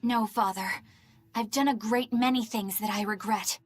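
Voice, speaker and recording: A woman's voice: a little high, steady tone, normal speed, breathy edge, dry recording. An actress playing an earnest, principled young woman exorcist in a video game, speaking resolutely. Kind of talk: game voice acting.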